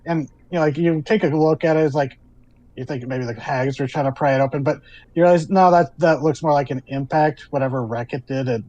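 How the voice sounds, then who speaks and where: A man's voice: fairly high pitch, a little fast, warm tone, muffled recording. A man narrating a tabletop role-playing game as game master, describing scenes in a conversational way with asides.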